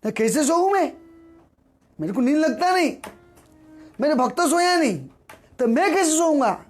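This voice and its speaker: A man's voice: very high-pitched, animated, normal speed, faint music behind, voice pushed up. A man voicing a loving male god who talks in pleading, repeated exclamations. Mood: insistent. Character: loving god, adult male, tender and eager.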